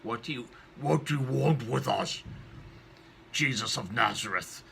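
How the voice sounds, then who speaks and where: A man voicing a menacing demonic unclean spirit in a loud, strained voice, pitched above his own. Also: measured pace, creaky, slight background noise.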